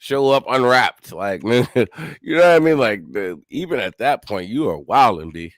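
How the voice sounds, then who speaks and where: A man's voice: mid-range voice, big pitch swings, normal speed, no room sound, clean studio sound. A man co-hosting a casual stream, reacting to a clip in laid-back slangy banter.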